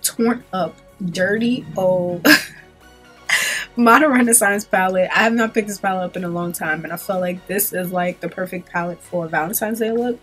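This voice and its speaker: A young beauty vlogger in her twenties, stuffed up with a cold, talks casually through a makeup tutorial in a loose style full of "um" and "like." Her voice is medium in pitch, a bit bright, and husky. The audio is poor, and she's filming in a small room in front of a pink backdrop.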